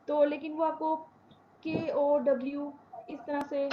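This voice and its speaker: A woman teaching a university English class. She speaks slowly through her examples, repeats key words for emphasis, and hurries through her explanations. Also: high-pitched, lo-fi sound, background noise. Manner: slow, careful example sentences, then quick explanatory asides. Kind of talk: classroom lecture.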